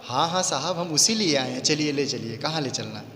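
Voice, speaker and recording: A man voicing a calm, clever elder brother. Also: a little high, fairly quick, pitched below the performer's own voice. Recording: echoey hall reverb.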